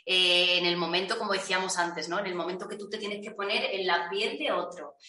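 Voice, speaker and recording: A woman's voice: fairly low pitch, steady tone, fairly quick, sharp tone, a little hiss or hum. A woman, a teacher and actress, talking reflectively with many fillers and restarts. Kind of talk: conversational discussion. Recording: roomy echo, distant from mic.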